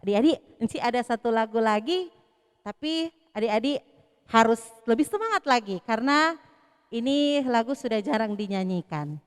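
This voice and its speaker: A woman's voice: fairly high pitch, animated, moderate pace, clear, resonant tone, long reverb tail. A woman, leading children's songs in a Sunday school service with upbeat, coaxing cues.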